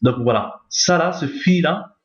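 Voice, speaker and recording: A man's voice: a little high, expressive, unhurried. A man teaching how to read Arabic in a recorded lesson, patiently repeating each point and checking that his listeners follow. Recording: echoey, dull lo-fi recording.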